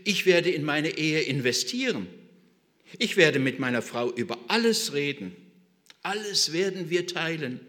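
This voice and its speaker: A man's voice: fairly high pitch, lively intonation, a little slow, pushed and bright, big-room sound. A man playing a young husband making resolute promises about his marriage. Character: earnest young husband, full of good intentions.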